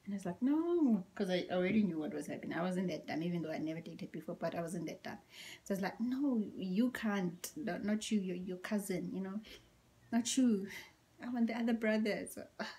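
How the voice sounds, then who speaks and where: Still worn out from her workout, the young vlogger speaks in a deep voice but keeps a brisk pace. She acts out the quotes in her story and drops into the occasional whisper, keeping things casual and lively.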